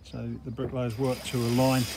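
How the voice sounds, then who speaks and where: Holding a phone camera outdoors, a middle-aged site manager walks viewers through a construction site, explaining practically and repeatedly saying "obviously." He speaks at a medium pitch and moderate pace in a completely flat delivery, amid loud outdoor noise and vehicles.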